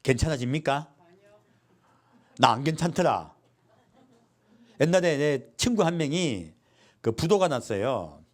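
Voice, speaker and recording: A pastor delivers a lively sermon in a slightly high voice, speaking a little slowly with long pauses. He poses questions to his congregation and answers them himself, acting out quotes in a call-and-response style.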